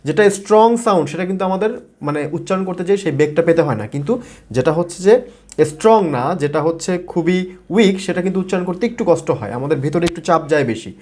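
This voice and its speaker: Fast-talking male pronunciation teacher. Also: fairly high pitch, lively intonation, a little mellow. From Bangladesh. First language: Bengali. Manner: fast, repetitive teaching with fillers and modeled words. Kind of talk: explanatory video lesson.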